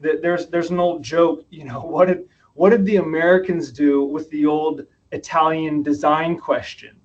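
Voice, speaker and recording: A man's voice: on the high side, fairly even intonation, moderate pace, muffled recording. A man who is a podcast guest, telling stories in a conversational, reflective way and asking himself questions aloud. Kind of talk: conversational storytelling.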